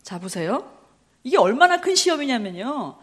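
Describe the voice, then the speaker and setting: A middle-aged woman preaches at a Bible study in a fairly high voice that swoops up and down. She keeps throwing questions at her listeners and answering them herself. She laughs often as she tells her stories. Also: sing-song, moderate pace. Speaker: missionary preacher.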